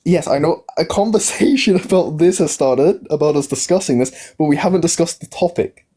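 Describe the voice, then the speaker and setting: A man's voice: fairly high pitch, normal speed, warm tone, husky. A young man in his early twenties in a casual live-stream debate, pressing the same question over and over with stumbling restarts. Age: young adult. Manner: insistent, repetitive, stumbling restarts. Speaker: livestream guest.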